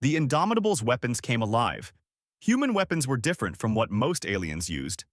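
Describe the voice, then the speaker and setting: Lively male story narrator. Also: medium pitch, brisk, dry recording, studio quality. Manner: steady, expressive storytelling.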